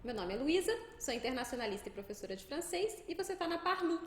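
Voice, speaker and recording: A woman with a Brazilian accent teaches French pronunciation in a lively, emphatic, playful way. Her voice sits a little high, and the room around her sounds echoey. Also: quick pace, slight background noise. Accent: Brazilian Portuguese. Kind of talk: pronunciation lesson to camera.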